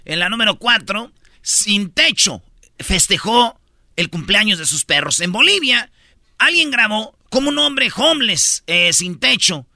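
A man's voice: high voice, lively intonation, measured pace, vocal fry, bright, forceful tone, no room sound, studio quality. A man with a Mexican accent hosts a radio comedy show, delivering a boisterous, slangy run of jokey news. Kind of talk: comic news rundown.

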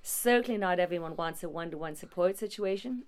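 Smooth-voiced woman telling stories. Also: lowish voice, brisk. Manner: warm storytelling with frequent restarts and small laughs. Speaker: director at a non-profit support agency. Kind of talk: conversational interview answer.

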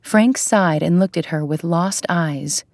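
A woman giving a measured, scripted narration of an audio fiction story. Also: fairly low pitch, a little mellow, no room sound, studio quality.

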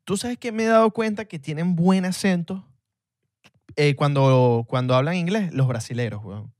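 Slightly high, jokey Venezuelan man. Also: lively intonation, normal speed, no room sound, clean studio sound. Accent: Venezuelan Spanish. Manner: jokey, boastful, slangy. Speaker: podcast co-host. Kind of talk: casual banter.

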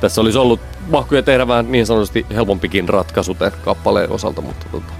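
A man with a very deep voice talks casually on a podcast, working through his thoughts as he goes. He often restarts his sentences while looking for the right words. Faint music sits in the background. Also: fairly even intonation, vocal fry. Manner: thinks aloud with restarts and fillers. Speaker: podcast co-host.

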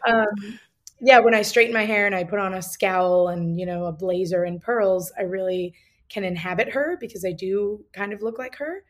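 A woman talking casually as an interview guest, a comedian who is earnest and expressive with a joking streak. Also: medium pitch, moderate pace. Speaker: improv and stand-up comedian, guest.

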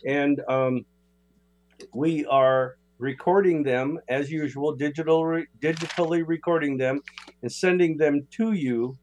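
Older guy cohosting radio from home, voice a bit high, tinny barrel-y sound. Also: fairly even intonation, measured pace, darkish tone, slight background noise. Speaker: radio show co-host. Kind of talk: casual radio chat. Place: makeshift home studio.

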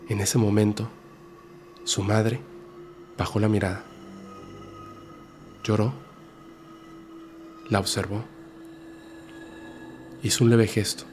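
Low-voiced man narrating a horror story. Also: a little hiss or hum. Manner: slow, dramatic, drops low and soft for suspense. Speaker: podcast host and narrator. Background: faint music.

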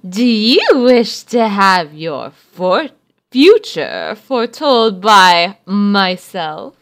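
Woman putting on a slow, portentous old fortune teller. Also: medium pitch, sing-song, a bit bright, heavily acted. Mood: stilted, portentous.

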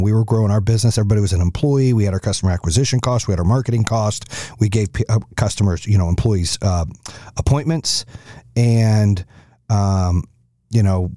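A man's voice: lowish voice, dark tone, dry recording. A middle-aged man hosting his own podcast, talking on his own in a blunt, profane, rambling way with lots of fillers, close to the mic. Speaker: podcast host. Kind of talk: casual solo podcast talk. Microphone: close studio mic.

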